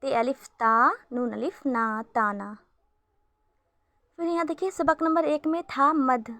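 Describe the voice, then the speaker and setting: A woman's voice: high voice, dry recording. A woman teaching a beginner Urdu reading lesson, patiently spelling out letters syllable by syllable.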